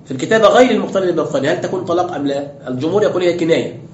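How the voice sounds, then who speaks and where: A sheikh teaching exegesis delivers an explanatory classroom lecture on scripture, reading texts aloud with commentary and posing rhetorical questions. His voice is on the high side with lively intonation and very fast delivery, with a little hiss or hum. The recording is roomy, dull and lo-fi.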